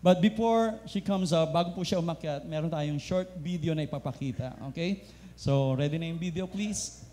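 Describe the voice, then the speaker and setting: A man's voice: on the high side, moderate pace. Man hosting a church service. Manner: warm-up calls of amen to the congregation. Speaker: worship service host. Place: church hall.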